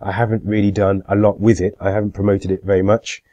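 Congested from a cold, this middle-aged marketing YouTuber walks through a screen-share tutorial in a plain, no-nonsense manner, saying "uh" often. He speaks quickly in a dark, lowish voice with little pitch movement, and the recording has no echo.

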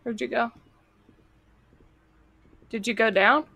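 A woman's voice: a little high, steady tone, slow, creaky, pushed and bright, breathy edge, dry recording. A young woman giving casual, giggly and reactive commentary while playing a co-op horror game as a streamer. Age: young adult. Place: small indoor room at home, streaming setup. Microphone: microphone on a boom arm, close.

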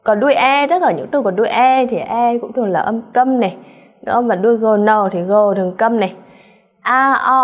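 A woman teaching an English exam-prep lesson with a Vietnamese accent, animated and checking in with her students often, referring to herself by name. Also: on the high side, breathy edge. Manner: calls herself by name in third person.

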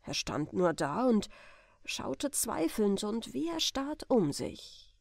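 A woman reading a classic adventure story aloud as a bedtime audiobook, calm and expressive. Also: a little high, takes it slowly, gravelly, dry recording, studio quality. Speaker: audiobook reader.

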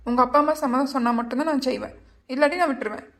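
A woman's voice: high-pitched, racing, fairly bright tone. A woman voicing a young husband in a cartoon who scolds firmly and then teases. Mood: stern. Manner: firm, scolding, then teasing. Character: young husband, stern and easily irritated. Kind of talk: cartoon voice acting.

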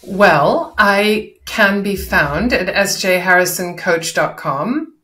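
Low-voiced woman coach, measured and easygoing. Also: expressive, pushed and bright. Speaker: voice and performance coach, guest. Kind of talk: casual interview.

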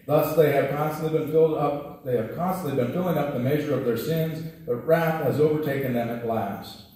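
Here the middle-aged pastor's voice is fairly high and mellow, moving a little fast as he preaches from the pulpit of a church sanctuary. His conversational sermon, on a headset mic, is full of restarts. Echo from the roomy church and a distant-mic sound color the recording.

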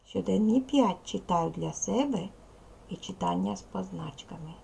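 A woman teacher leading a lesson for young children, speaking slowly and repeating key words. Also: medium pitch, animated, vocal fry, mellow, husky. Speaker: primary school teacher. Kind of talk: teaching a second-grade language lesson.

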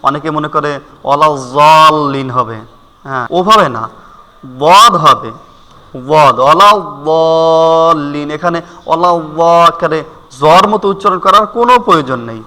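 A man teaching Quran pronunciation, speaking slowly and deliberately and drawing out each letter sound as he repeats it. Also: a little high, animated, bright, forceful tone, long reverb tail. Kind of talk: spoken pronunciation lesson.

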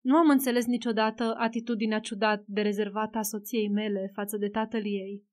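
Female narrator as tired male politician; measured, soft-spoken, audiobook. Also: medium pitch, little pitch movement, close to an everyday voice. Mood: grave. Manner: quiet, measured. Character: weary calm male politician.

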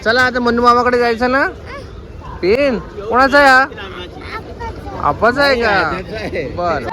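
A man's voice: very high-pitched, slow pace, bright, forceful tone, some chatter behind. Man chatting casually at a crowded station. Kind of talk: casual family chat. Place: railway station.

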